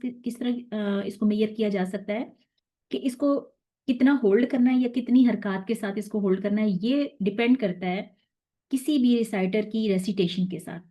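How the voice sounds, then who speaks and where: A woman teaching Quran recitation rules in a patient, explaining manner, slowly stretching out the recited verses and often checking that listeners follow. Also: medium pitch, warm tone. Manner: checks in with "theek hai?". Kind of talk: online tajweed lesson.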